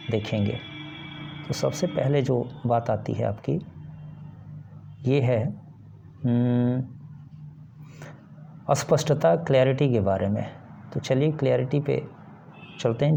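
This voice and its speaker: A man teaching a lesson, explaining points one by one in a slow, deliberate way with pauses and fillers. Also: mid-range voice, creaky, dark tone, lo-fi sound, slight background noise. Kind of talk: explanatory lecture.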